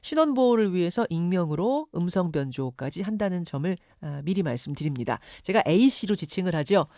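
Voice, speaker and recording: A woman's voice: on the low side, very animated, moderate pace, warm tone, no room sound, clean studio sound. A woman hosting a radio news interview, articulate and emphatic, posing questions to the listeners and the guest. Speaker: radio news show host.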